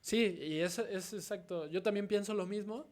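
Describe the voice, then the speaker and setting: A young Mexican man in his twenties speaks as the guest artist in a relaxed interview. His voice sits a little high for a man. He reflects out loud and keeps checking in with a quick questioning "no?". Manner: reflective, tags nearly every thought with a questioning "no?". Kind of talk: casual conversational interview.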